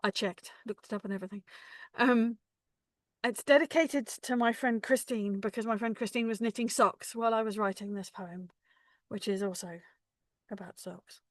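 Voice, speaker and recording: A woman reading her own poems at an online book launch, with a measured rhythmic delivery and chatty introductions between poems. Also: mid-range voice, no room sound. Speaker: poet. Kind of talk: poetry reading with spoken introductions. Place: home, online video call. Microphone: video call.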